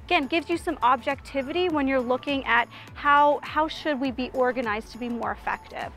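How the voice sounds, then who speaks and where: A woman's voice: high-pitched, brisk, fairly bright tone, soft background music. A woman in her thirties, a management consultant, explaining ideas earnestly in an outdoor walk-and-talk interview in a park. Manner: earnest, explanatory, with restarts and fillers.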